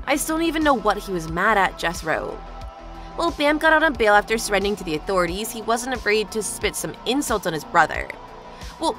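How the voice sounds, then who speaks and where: A woman's voice: mid-range voice, a bit bright. A woman reading a scripted news narration as the narrator.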